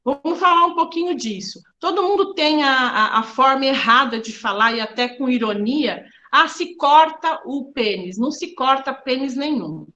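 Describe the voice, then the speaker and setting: A woman's voice: high-pitched, animated, normal speed, hardly any pauses, sharp tone, muffled recording. A middle-aged woman giving a public lecture as a diversity official, frank and didactic, addressing the audience directly.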